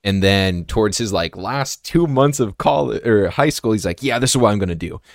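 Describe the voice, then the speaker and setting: A man's voice: lowish voice, animated, no echo, studio quality. A man in his twenties hosting a casual podcast interview, chatty and full of fillers like "like" and "you know". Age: 20s. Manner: chatty, filler-heavy, quick to laugh. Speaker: podcast host.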